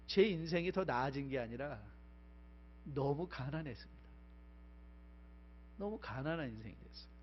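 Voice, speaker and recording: A middle-aged male pastor from Korea preaching a sermon, swinging between loud urgent exhortation and quiet confessional stories, with short English phrases mixed in. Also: on the high side, dull audio, a little hiss or hum. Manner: mixes short English phrases into his speech. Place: church sanctuary.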